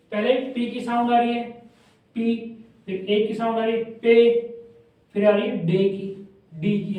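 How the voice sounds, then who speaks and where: A man with a high, mellow voice runs a classroom lesson, going over each step again and again and stopping to ask if the class has followed. He stands a fair way from the mic in a very echoey room. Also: distant mic. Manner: repetitive, checks understanding with questions. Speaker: shorthand teacher.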